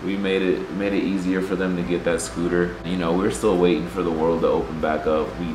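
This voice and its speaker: Deep-voiced laid-back man, profane and rambling. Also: level tone, fairly quick, background noise. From Puerto Rico, raised in the US Gulf South. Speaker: guest, entrepreneur. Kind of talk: casual interview chat. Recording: roomy sound with background music.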